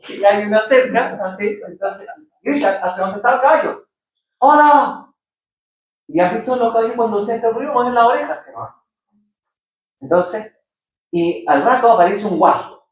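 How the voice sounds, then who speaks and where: Chilean professor in an echoey classroom. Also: male voice, high voice. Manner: animated, acts out characters in anecdotes. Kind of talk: classroom lecture with storytelling. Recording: echoey room from far off.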